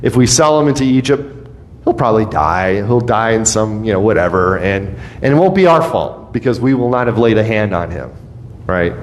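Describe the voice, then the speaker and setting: Man preaching conversationally, faint rumble. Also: animated, moderate pace. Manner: conversational preaching, acts out quoted voices. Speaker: pastor. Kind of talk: sermon.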